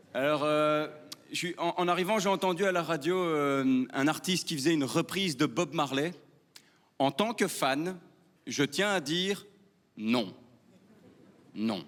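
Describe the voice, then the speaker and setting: A young Belgian man with a Belgian French accent, doing a deadpan, provocative stand-up set and chatting with the audience. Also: fairly high pitch. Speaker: stand-up comedian. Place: theatre stage before a live audience. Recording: live theatre hall with crowd.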